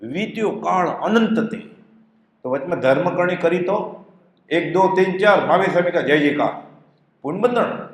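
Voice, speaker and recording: A male teacher of spiritual texts delivers an expressive, devotional discourse in a somewhat high voice. He fires off rhetorical questions and recites verses in a chanting tone. The sound carries the reverb of an echoey room. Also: moderate pace, long pauses.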